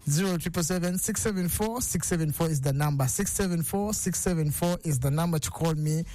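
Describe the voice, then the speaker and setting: Guy hosting a radio show, kinda high voice, keeps repeating himself, music in the back. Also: warm tone. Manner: halting, repeats words. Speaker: radio host. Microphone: studio mic.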